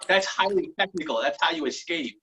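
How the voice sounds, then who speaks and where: A man doing a halting, rambling stand-up set over a video call, full of fillers. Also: on the high side, bright, forceful tone, a little hiss or hum, rough recording. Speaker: stand-up comedian.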